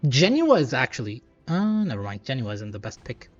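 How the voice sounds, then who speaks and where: Male streamer, casual play-by-play, very animated pitch, thinks aloud over game music, slightly dull audio. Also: fairly quick. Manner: thinking aloud, muttering asides. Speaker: gaming streamer. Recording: dull lo-fi sound, music behind.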